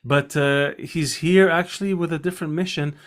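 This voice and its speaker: A man hosting an interview show who speaks hesitantly and often pauses between phrases. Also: fairly high pitch, fairly even intonation. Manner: hesitant, full of fillers and restarts. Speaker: podcast host.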